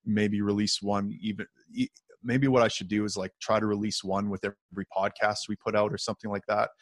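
This male podcast co-host has a fairly low voice and a flat, brisk delivery. He keeps the chat casual and jokey, with a bit of salty language along the way. The audio is studio quality and free of echo.

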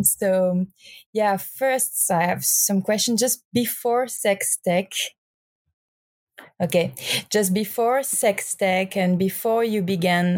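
A woman's voice: mid-range voice, darkish tone, no echo, clean studio sound. A woman podcast host with a French accent, speaking English as a second language and asking questions with many restarts and hesitations. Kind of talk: casual interview.

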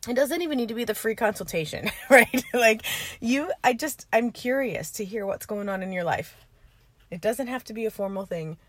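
A woman's voice: fairly high pitch, normal speed, dry recording. A woman hosting a podcast and rambling casually while sitting in her parked car, laughing now and then. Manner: rambling, chatty, laughs often. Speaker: podcast host and coach. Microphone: informal setup, no computer.

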